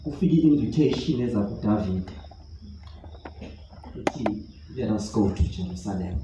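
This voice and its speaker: A man preaching a sermon, in a measured delivery that mixes Xhosa with English phrases. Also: on the low side, animated, noisy background. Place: large tent hall. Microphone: phone recording from the audience. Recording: echoey tent heard from far off.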